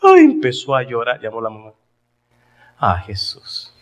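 A man preaching a sermon to a church congregation, his voice sitting at a middle pitch. He tells stories with animation and often stops to ask his listeners questions. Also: a little slow. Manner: animated storytelling, asks the audience questions. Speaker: pastor.

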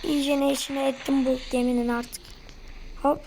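A woman with a high, hoarse voice talks through a game in a casual let's-play. She reacts excitably and breaks into loud, sudden outbursts. Loud game noise plays behind her the whole time. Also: moderate pace. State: hoarse throat. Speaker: gaming video host.

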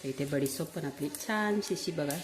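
A soft-spoken woman hosting a casual home-cooking vlog from her kitchen, talking quietly to her viewers. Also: low voice, moderate pace. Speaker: home cooking channel host. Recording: clattering pots and sizzling behind voice.

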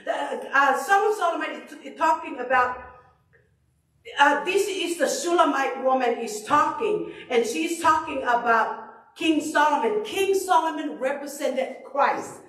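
A middle-aged woman from Tonga preaching a sermon into a handheld mic in a church sanctuary, animated and emphatic, often repeating herself. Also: high-pitched, unhurried. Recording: echoey hall, far from the camera.

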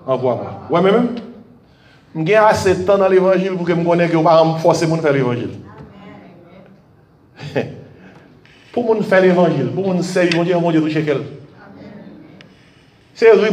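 A man preaching a fervent sermon as pastor, now and then bursting into shouts. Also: on the high side, reverberant. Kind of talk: French sermon.

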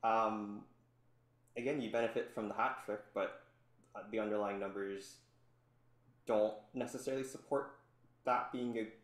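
Man, low voice, relaxed rambling podcast chat, lots of ums, roomy echo. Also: moderate pace, long pauses. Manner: relaxed, rambling, many ums, laughs often. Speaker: podcast guest. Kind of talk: casual sports podcast chat.

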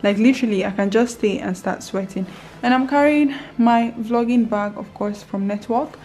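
Speaking at normal speed in a fairly high voice with a darkish tone, this vlogger in her twenties talks straight to her audience and laughs a lot. She holds the camera at arm's length, first indoors in an apartment and later out in a city.

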